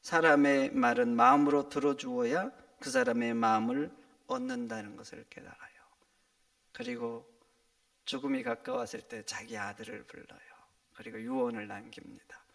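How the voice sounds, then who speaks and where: A man preaching a sermon as a pastor, dropping to hushed whispers and then rising to loud, emphatic cries. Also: mid-range voice, big pitch swings, normal speed, gravelly, distant mic. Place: church sanctuary.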